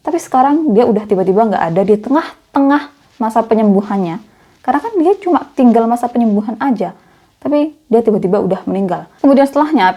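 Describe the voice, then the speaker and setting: A woman's voice: medium pitch, mellow. A young woman narrating a true crime case in a chatty, conversational way, as the channel's storyteller.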